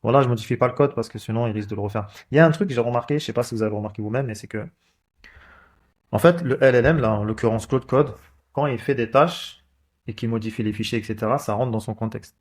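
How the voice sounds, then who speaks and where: A coding channel host records a casual screen-recorded walkthrough, thinking aloud as he goes through code with many fillers and restarts. He speaks quickly at a medium pitch.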